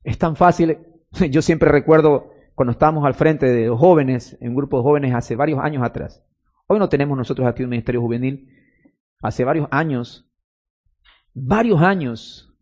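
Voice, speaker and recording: A man's voice: mid-range voice, a little mellow. A man preaching a sermon as pastor, telling stories and rising into emphatic calls.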